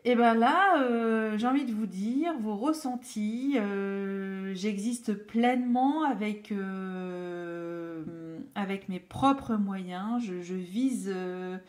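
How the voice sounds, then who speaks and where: A woman reading tarot cards at an unhurried, slow pace. She talks casually and warmly enthused, pausing often on fillers and starting phrases over. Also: medium pitch. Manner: hesitant, many fillers and restarts, enthusiastic. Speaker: tarot reader.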